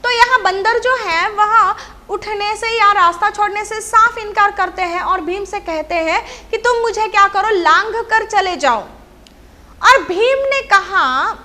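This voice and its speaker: Female teacher, very high voice, bright tone, retells a story for a class with rhetorical questions. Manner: repeats and asks rhetorical questions. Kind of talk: explaining a story lesson to children.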